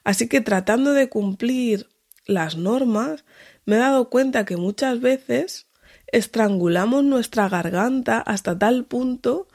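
Animated Spanish storytelling woman. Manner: animated storyteller who acts out dialogue in a high voice. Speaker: podcast host and mother. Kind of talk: personal storytelling podcast monologue.

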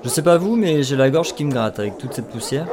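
A man's voice: medium pitch, lively intonation, a little fast, noisy background, natural voice. A man voicing a friendly, generous male half-elf adventurer with an easygoing way of talking. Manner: easygoing, affable.

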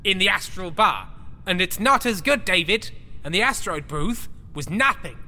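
An actor playing a pompous, shameless, boozy man in an improvised sci-fi audio comedy, theatrical and excitable. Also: high-pitched, moderate pace, big-room sound, heavily acted. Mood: defensive.

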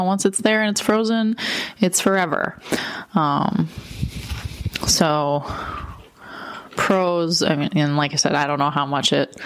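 A woman giving a casual solo podcast monologue, informal and rambling as she thinks aloud. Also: deep voice. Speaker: podcast host.

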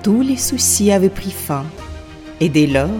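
A woman reading a fairy tale aloud in a soft, half-whispered narration. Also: medium pitch, sing-song, unhurried, faint music behind. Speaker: storyteller.

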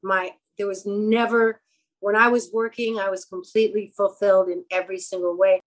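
A woman who acts and also runs a clothing store appears as a guest in a casual interview, speaking at a moderate pace in a mid-range voice on a low-quality recording. She's animated, telling rambling anecdotes full of quoted dialogue.

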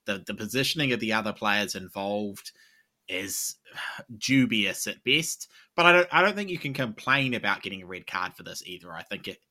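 Bright-voiced man weighing it up. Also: lowish voice, expressive. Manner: measured, reasoned, repeats "I think". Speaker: podcast co-host. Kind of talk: casual sports podcast chat.

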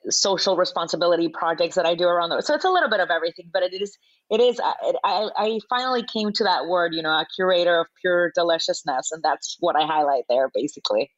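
A woman in her forties from Venezuela, a chef chatting as an interview guest, animated and laughing often, with lots of fillers. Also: lowish voice, fast talker, dry recording, muffled recording. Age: 40s. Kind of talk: casual interview chat.

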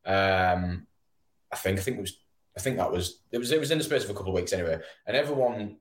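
A man's voice: low voice, fast talker. A man with a Teesside accent chatting casually about football as a guest, hesitant and often repeating his words. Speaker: podcast guest, football fan. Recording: roomy, echoing sound.

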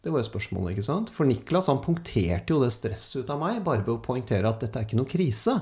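A man tells casual anecdotes as a speaker, animated and acting out the people he quotes. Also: medium pitch. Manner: animated storyteller, acts out quoted voices. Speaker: speaker telling stories.

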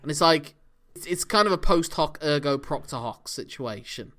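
A man's voice: on the high side, lively intonation, normal speed, fairly bright tone. A man co-hosting a podcast, talking through wrestling matches in a chatty, analytical way with frequent laughs. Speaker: podcast co-host. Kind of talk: casual wrestling discussion.

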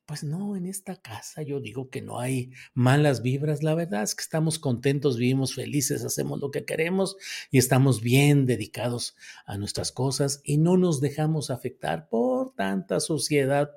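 With a Mexican accent, a man hosts a casual commentary, reading out viewer comments and answering them in a chatty, sardonic manner while drawing out words for emphasis. His voice sits a little high, creaky and slightly mellow.

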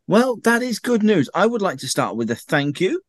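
A man's voice: high-pitched, very animated, normal speed, no room sound, studio quality. A man hosting a casual football podcast, upbeat and jokey as he steers the chat, just back from being ill. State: just recovered from illness. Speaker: podcast host.

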